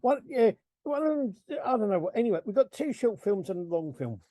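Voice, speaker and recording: A middle-aged man hosts a casual film review podcast, rambling and chuckling as he corrects himself. His voice sits a little high and sounds mellow. It is recorded close on a dry mic. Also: sing-song, brisk, no echo. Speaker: podcast host.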